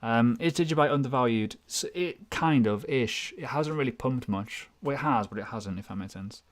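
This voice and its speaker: A British man of medium pitch hosts a casual live crypto Q&A stream at a moderate pace. He's chatty and self-deprecating, rambling off into asides.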